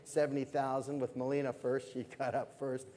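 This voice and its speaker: This fine art auctioneer keeps up a brisk, salesmanlike patter at a live auction, calling and repeating the bid numbers. His medium-pitched voice is level in tone and a little mellow.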